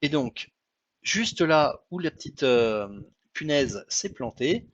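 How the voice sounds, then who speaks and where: A man's voice: a little high, big pitch swings, takes it slowly, no room sound. A chatty French man talks through his travel photos with plenty of hesitations and apologies. The recording sounds dry and dead, and the sound is a little dull and lo-fi. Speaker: travel vlogger. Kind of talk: casual travel commentary over photos.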